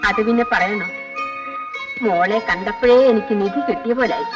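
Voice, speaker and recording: A woman's voice: mid-range voice, normal speed, muffled recording, music in the background, close to an everyday voice. An actress playing a doting, motherly older woman who fusses over a young bride in an affectionate way. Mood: fussing. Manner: affectionate, fussing. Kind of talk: 1970s film dialogue.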